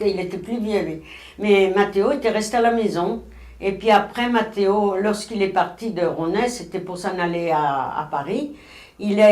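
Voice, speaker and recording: Elderly woman reminiscing in an echoey room. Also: medium pitch. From Spain. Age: 90s. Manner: rambling, many restarts and self-corrections. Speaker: interviewee. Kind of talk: oral history recollection.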